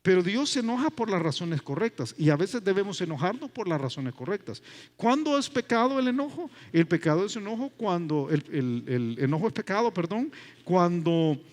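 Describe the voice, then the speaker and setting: Animated pastor preaching emphatically. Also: male voice, sits high, normal speed. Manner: animated, emphatic preaching with repetitions and rhetorical questions. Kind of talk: sermon. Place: church.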